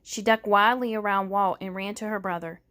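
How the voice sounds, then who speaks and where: A woman reads a novel aloud with steady, measured narration. Her pitch sits in the middle range. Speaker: reader.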